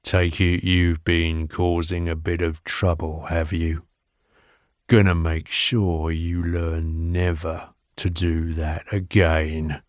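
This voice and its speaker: A man's voice: low voice, flat delivery, takes it slowly, dry recording, clean studio sound, voice pushed down. A man growling as a sneering brute of an orderly. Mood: menacing. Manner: sneering, threatening. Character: brutish menacing male asylum orderly.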